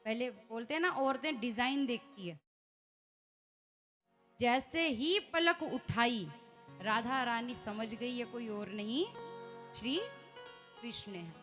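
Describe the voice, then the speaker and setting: A woman telling a devotional story as a sermon, animated and speaking straight to her listeners. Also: fairly high pitch, takes it slowly, pauses often, soft background music. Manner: animated, addresses listeners directly. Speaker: religious storyteller.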